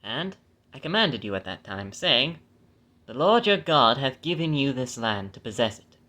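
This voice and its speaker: Scripture reader, male, mid-pitched and bright, casual and self-deprecating between verses. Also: very animated, normal speed. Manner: chatty, laughs at himself, corrects his own stumbles. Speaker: Bible reader. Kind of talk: scripture reading with casual asides.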